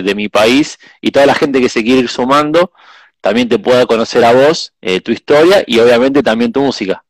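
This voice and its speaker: A man with an Argentine Spanish accent hosting a podcast interview, pausing often with repeated words and fillers. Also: medium pitch, no room sound, low-quality recording. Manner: warm-hearted, hesitant with many eh and repeated words. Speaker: podcast host. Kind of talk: casual interview chat.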